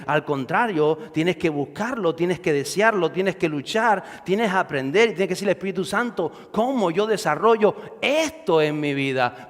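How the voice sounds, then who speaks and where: A man's voice: high-pitched, in a large hall. A male pastor preaching a sermon, conversational, with rhetorical questions and repetition.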